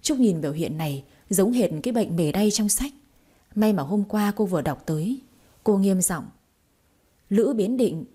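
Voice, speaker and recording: A woman narrating a storybook aloud in a lively, expressive reading style. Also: mid-range voice, normal speed, husky. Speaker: audiobook narrator.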